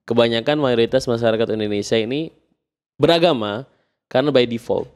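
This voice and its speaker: A man hosting a casual podcast interview, asking probing questions and often nodding along with quick affirmations. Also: medium pitch, a little mellow. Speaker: podcast host.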